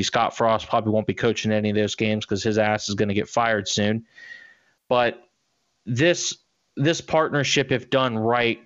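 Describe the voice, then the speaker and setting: A man's voice: on the low side, a bit bright, smooth, no room sound, highs cut off. A man in his thirties co-hosting a sports podcast, giving blunt, opinionated takes in casual talk. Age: 30s. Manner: opinionated, blunt, restarts a lot. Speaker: podcast co-host.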